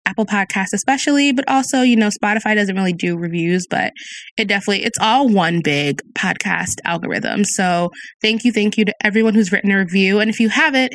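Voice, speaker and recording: On a clean, dry studio recording, a woman with a mid-range voice chats through a solo episode of her podcast. She sounds soothing and friendly despite a slight speech impediment, and she reads out reviews from listeners.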